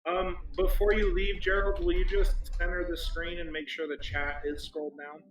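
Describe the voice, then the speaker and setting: A man's voice: high voice, level tone, normal speed, fairly bright tone, a little hiss or hum, poor audio. A man chatting casually, giving helpful instructions. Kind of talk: casual chat.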